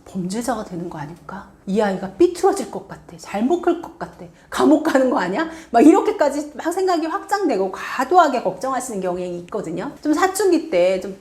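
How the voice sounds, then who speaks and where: A woman's voice: a little high, fairly quick, few pauses. A middle-aged woman, a teacher and author, giving advice to parents and acting out what parents and children say. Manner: lively, acts out parent and child lines.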